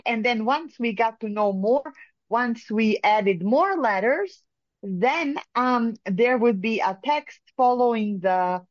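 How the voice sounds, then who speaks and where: A woman from Bosnia, speaking in a halting way with many pauses and fillers as a caller in a phone-in discussion. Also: a little high, no echo. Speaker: caller sharing experience. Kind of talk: casual phone-in talk. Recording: muffled lo-fi line.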